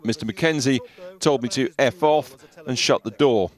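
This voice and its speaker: A man's voice: medium pitch, normal speed. A man reading scripted narration as a television news reporter.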